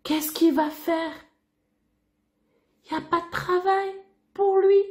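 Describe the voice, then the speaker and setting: A woman tells a Bible story to children with lively sound effects and frequent questions to her young listeners. Her very high voice moves slowly and playfully through each line.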